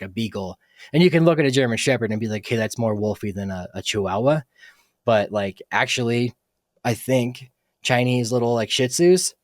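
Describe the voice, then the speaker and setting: A young man talks casually into a close, dry podcast mic, his voice sitting at an ordinary middle pitch. He rambles from one tangent to the next, peppering his speech with "like" and "um" as he goes. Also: dry recording. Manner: rambling, tangent-prone, many fillers. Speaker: podcast host. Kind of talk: casual solo podcast talk.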